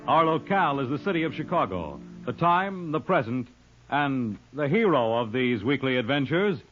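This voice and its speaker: Loud music backs an American man announcing a vintage radio program. His highish voice is animated and formal, and the old recording sounds muffled. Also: moderate pace.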